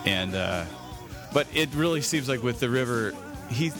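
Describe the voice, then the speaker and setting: Over a remote Skype call, a man hosts a podcast in a casual, jokey conversation, often breaking into chuckles. His voice is medium-pitched and animated at a moderate pace, with music playing in the background.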